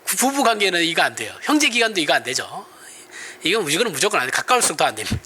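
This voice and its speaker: Bright, lively Gyeongsang-accented pastor. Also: male voice, a little high, rapid-fire, slight background noise. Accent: Gyeongsang Korean. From Gyeongsang region, Korea. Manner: conversational, often asks the congregation for agreement, laughs at himself. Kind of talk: sermon.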